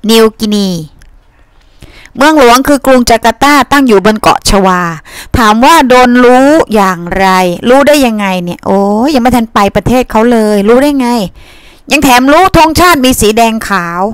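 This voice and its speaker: A woman's voice: a little high, normal speed, dry recording. A woman teacher giving a reading lesson in a chatty way, asking her pupils questions and answering them herself. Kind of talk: reading-comprehension lesson to students.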